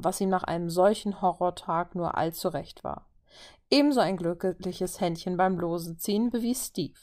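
A woman's voice: lowish voice, a little mellow. A woman reading a story aloud as narrator, lifting her voice for each figure's lines. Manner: reads all figures in turn, lifting her voice for dialogue. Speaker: reader.

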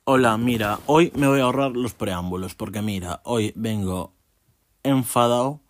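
A man's voice: medium pitch, moderate pace, no echo. A man hosting a podcast, delivering a sarcastic, swearing comic rant. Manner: sarcastic, ranting, swears often. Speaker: podcast host. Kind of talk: casual comic monologue.

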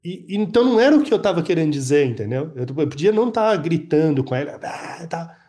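A man, telling an emotional personal story as a panel guest, reflective and halting. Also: a little high, big pitch swings, warm tone. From Brazil.

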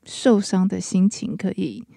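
一位女老师在闲聊中慢慢说出自己的想法和问题。. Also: female voice, mid-range voice, creaky, dark tone, dry recording, studio quality. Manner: thoughtful, measured questions. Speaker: teacher, podcast co-host. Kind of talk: casual chat.

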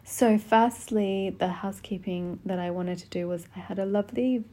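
A woman hosting a solo podcast in a soft, gentle voice, speaking tenderly and intimately without hurry. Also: medium pitch, steady tone, moderate pace. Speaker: podcast host. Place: small closed bedroom at home. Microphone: podcast microphone.

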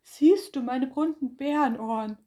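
A big, stubborn male bear in a bedtime story, voiced by a woman reader. He talks loud and emphatic, a little higher than her plain reading. He speaks slowly and insists on every word. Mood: boastful.

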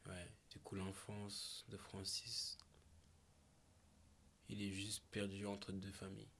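A man from Malawi talking slowly and thoughtfully as a podcast guest, with searching pauses and restarts. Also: on the low side, monotone, gravelly, a bit bright, slight background noise. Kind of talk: reflective conversation.

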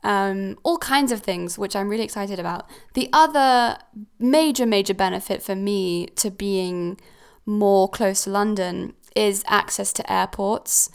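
Young woman podcasting from home, smooth voice with a lot of fry, lots of ums. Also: medium pitch, unhurried. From Switzerland. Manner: chatty, with frequent ums and self-corrections. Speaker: podcast host. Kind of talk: casual solo podcast talk. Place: new house.

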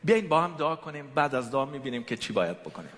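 His voice is mid-range but swings widely in pitch, very quick and a bit bright. The man, a guest preacher from Afghanistan whose mother tongue is Persian, speaks with an Afghan accent, offering sermon and testimony in brief segments for an interpreter. The church hall is large and echoes with long reverb.

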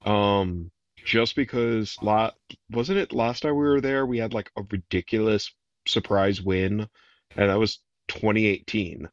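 A man co-hosting a casual soccer podcast, speaking slowly and hesitantly on a dull lo-fi mic. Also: fairly low pitch, steady tone, no echo. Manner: slow, hesitant, recalling old trips. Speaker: podcast co-host.

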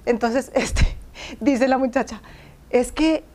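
A woman's voice: fairly high pitch, takes it slowly, darkish tone. A woman telling her story in casual conversation, acting out dialogue and laughing often.

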